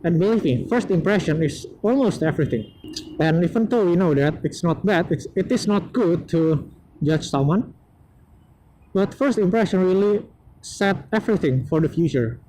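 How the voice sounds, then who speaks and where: A young Indonesian man vlogs on a motorbike in traffic, giving casual advice while riding, his helmet mic picking up road and engine noise. He rambles and halts, full of fillers and restarts. His voice sits high, mellow and animated, on a rough recording.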